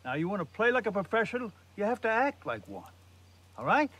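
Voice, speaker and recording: A man's voice: high voice, big pitch swings, brisk, fairly bright tone, heavily acted. An actor in his seventies playing a wise, firm, folksy golf mentor in a film, speaking plainly and instructively. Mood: stern. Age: 70s. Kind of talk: naturalistic film acting.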